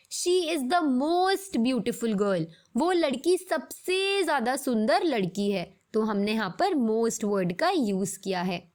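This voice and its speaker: Woman, English teacher, slightly high voice, patient step-by-step explanations. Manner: explains in Hindi, reads English examples slowly. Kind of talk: scripted grammar lesson.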